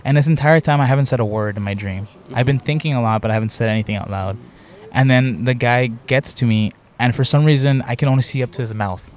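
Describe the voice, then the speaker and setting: A man's voice: medium pitch, fast, few pauses. A young man hosting a podcast, casually telling a long story, swearing a lot and filling his talk with "like". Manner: rambling, swears often, many "like" fillers. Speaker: podcast host.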